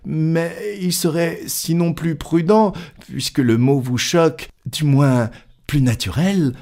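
Passepartout, a man doing a high, flustered French servant. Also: takes it slowly, vocal fry, darkish tone. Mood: flustered insistence. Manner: insistent, protesting, keeps getting cut off. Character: excitable young French manservant, earnest and flustered. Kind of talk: audiobook reading.

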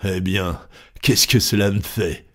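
A man voicing a gruff, rude colonel. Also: low voice, fairly even intonation, a little slow, a bit bright. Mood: defiant. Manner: gruff and scornful. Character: rude, irritable American colonel, male.

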